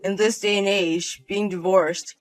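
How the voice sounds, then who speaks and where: A man's voice: high-pitched, fairly even intonation, unhurried, no echo, soft background music, rough recording. A man voicing a self-centered husband in a drama, sounding flustered and pleading.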